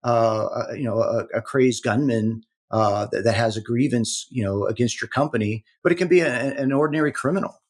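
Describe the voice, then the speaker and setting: A man speaking as a guest in an interview, explaining in an earnest, halting way with many repeated words. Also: mid-range voice. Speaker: protective intelligence executive, guest. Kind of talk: conversational interview talk.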